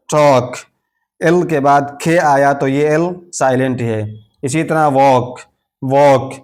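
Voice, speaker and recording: Slow, patient male English teacher. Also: mid-range voice, darkish tone. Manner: repeats each example word twice, then explains the rule; uses Urdu-flavored terms for rules and letters. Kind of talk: slow classroom explanation of pronunciation rules.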